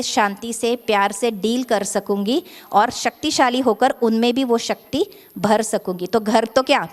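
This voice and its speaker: A woman giving a spiritual talk and leading a guided meditation in a calm, measured, gently instructive way, mixing English words into her Hindi. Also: medium pitch. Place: meditation centre event.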